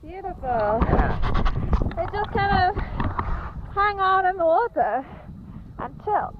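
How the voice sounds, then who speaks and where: High lively woman, dull noisy sound. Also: slow. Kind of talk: live stream chat.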